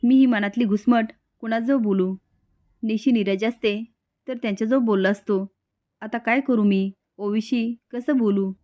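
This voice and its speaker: A woman voicing a quiet, troubled young husband thinking aloud. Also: on the high side, fairly even intonation, normal speed, natural voice. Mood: brooding. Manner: brooding, troubled.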